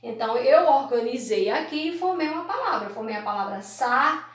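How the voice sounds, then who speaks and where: A woman's voice: a little high, animated. A Brazilian woman teacher giving an online class, sounding out words syllable by syllable and checking in with "né?" and "tá certo?". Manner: slow, drawn-out syllable-by-syllable teaching with frequent "né?" and "tá certo?". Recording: very echoey room.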